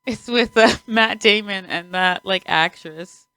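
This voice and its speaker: A woman's voice: mid-range voice, measured pace, sharp tone, smooth, no echo. A young adult woman co-hosting a podcast in casual chat, teasing and laughing often. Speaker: podcast co-host.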